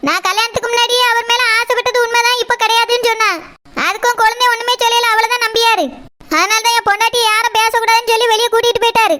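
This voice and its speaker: Woman voicing a cartoon daughter, very high, bright, quick, reassuring. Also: flat delivery. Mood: explaining. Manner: reassuring, explaining at length. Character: grown daughter Saroja, anxious, soothing.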